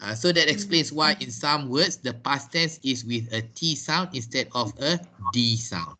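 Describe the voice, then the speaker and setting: Bright-voiced Malaysian man teaching English. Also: mid-range voice, unhurried. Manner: spells words letter by letter, repeats himself. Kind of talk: classroom lesson. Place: workplace training room.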